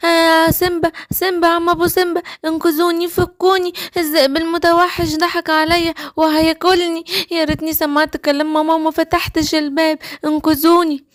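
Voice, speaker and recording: Woman playing a naive little gazelle girl, very high voice, Egyptian accent, dry close sound. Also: fairly even intonation, normal speed, fairly bright tone, no room sound. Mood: pleading. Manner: high, pleading, childlike. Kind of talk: children's cartoon voice acting.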